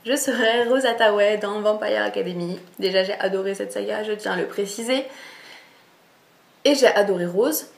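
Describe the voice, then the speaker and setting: A woman's voice: mid-range voice, moderate pace, gravelly. A young woman talks to her camera about books in a chatty, enthusiastic way, often restarting her sentences. She sits at home, recorded on a camera mic. The room is noticeably echoey. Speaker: book vlogger. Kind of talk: casual chat to camera.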